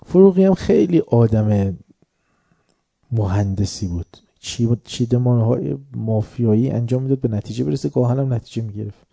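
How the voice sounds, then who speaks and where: Brief: male speaker with a deep-toned, warm voice, spinning a lively story with chuckles. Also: vocal fry, dry recording, clean studio sound. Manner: lively anecdotal telling, chuckling. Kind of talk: storytelling religious talk.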